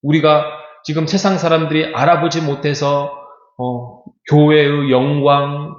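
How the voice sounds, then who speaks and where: The pastor, a middle-aged man, delivers his sermon at a measured pace in a somewhat high voice with little pitch movement. He speaks conversationally, asking the congregation rhetorical questions, and the church-hall recording is echoey and lo-fi, with dull sound.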